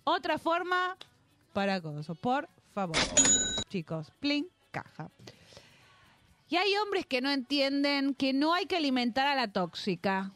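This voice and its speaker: A woman's voice: high-pitched, big pitch swings, measured pace, very noisy. A woman radio host, playful and laughing as she introduces clips. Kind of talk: casual radio chat. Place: radio studio.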